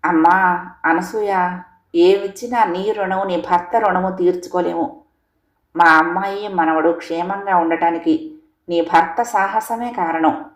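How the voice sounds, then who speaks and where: A woman's voice: fairly low pitch, lightly acted. A woman voicing a grateful elderly father, reading his letter aloud in a solemn, formal way. The recording has a roomy echo. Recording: echoey room.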